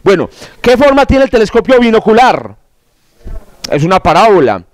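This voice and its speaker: A man's voice: high-pitched, sing-song, moderate pace, no room sound. A man teaching an astronomy course, running through quiz questions in a classroom with jokes, asides and stammered restarts. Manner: joking, digressive, with stammered restarts.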